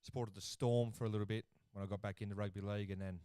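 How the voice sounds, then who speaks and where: This is casual live-stream cricket commentary from a young Australian man in his lounge room. His voice is on the low side, very fast, clear and resonant, with no room sound, and he stays laid-back, swearing freely and getting excitable over wickets.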